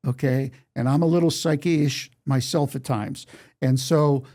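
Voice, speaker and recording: An octogenarian songwriter and storyteller chats as an interview guest, relating episodes from his life and repeating conversations he recalls. The voice is mid-range and mellow, with fairly even intonation and a moderate pace.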